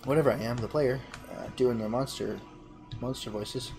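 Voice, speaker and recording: A man giving relaxed, casual gameplay commentary and reading game text aloud. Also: mid-range voice, normal speed, over music. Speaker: gamer.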